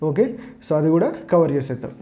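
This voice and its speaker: A man teaches exam preparation in a quick, slightly high and soft-edged voice. He has a Telangana Telugu accent and freely mixes in English words and phrases. His walkthrough is informal and explanatory, stepping from point to point. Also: expressive. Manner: explanatory, repeats "okay, so" as a linking phrase.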